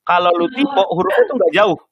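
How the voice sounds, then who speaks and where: Young male host, slightly high voice, dry close sound, playful and chatty. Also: animated, brisk, slightly rough, no room sound, muffled recording. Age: young adult. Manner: joking, mock-formal asides. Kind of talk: casual chat.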